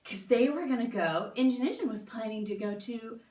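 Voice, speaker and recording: A woman music teacher telling an animated, playful story in a lesson for young children. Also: a little high, fairly quick.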